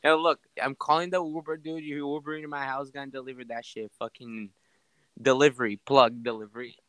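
A man's voice: medium pitch, level tone, a little fast, fairly bright tone, clean tone, no room sound, rough recording. Slangy young-sounding man, dry close sound. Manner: laid-back slangy banter, laughs often. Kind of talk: casual phone chat.

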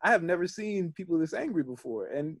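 A man co-hosting a casual podcast, his voice a bit high. He rambles and halts, trying to find his words. The recording is dry and close, with no room echo. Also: expressive, breathy edge. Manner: rambling, halting, with light laughs. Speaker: podcast co-host.

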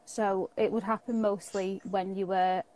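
A woman's voice: mid-range voice, flat delivery, a little slow, crowd noise, rough recording. A British woman hosting a casual interview in a chatty, informal way over a video call. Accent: British English. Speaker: interview host. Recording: clearly audible background noise.

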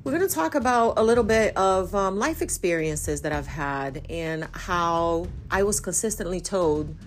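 Low-voiced Brazilian woman podcasting. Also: normal speed, faint music behind. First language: Portuguese. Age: 40s. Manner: chatty, animated, self-correcting. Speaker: podcast host. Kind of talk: casual solo podcast.

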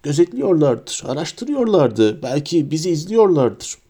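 Male narrator puts on a blustering, bad-tempered uncle: gruff, barking, mellow-toned, audiobook. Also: on the high side, very animated, a little slow, voice pushed up. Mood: irritated.

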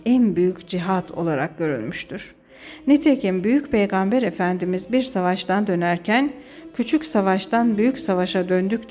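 A woman presenting a religious lesson on a classic poem, explaining in a measured, earnest way from a script. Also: mid-range voice, darkish tone.

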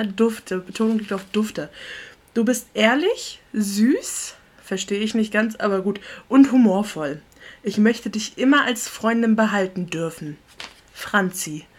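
A young woman in her twenties co-hosts a chatty podcast, teasing her friend and laughing easily. Her voice sits in an ordinary middle pitch for a woman, and she talks in a playful, casual way. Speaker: podcast co-host. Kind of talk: casual chat.

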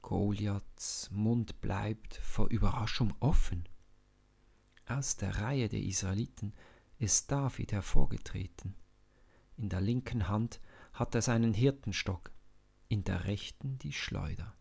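A man narrating a children's Bible story slowly and dramatically. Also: on the low side, darkish tone. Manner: slow, dramatic, gravelly reading.

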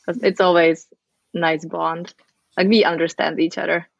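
A woman's voice: on the low side, fairly even intonation, moderate pace, gravelly, no echo, highs cut off. A woman in her early thirties with a Czech accent, a podcast guest chatting casually in English as a non-native speaker. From Czech Republic. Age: early 30s. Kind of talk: casual conversation.

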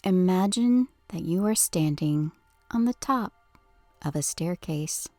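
A woman leading a guided hypnosis session with a slow, soothing countdown delivery, soft and breathy at phrase ends. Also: on the low side, animated, dry recording, soft background music. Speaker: hypnosis podcast host.

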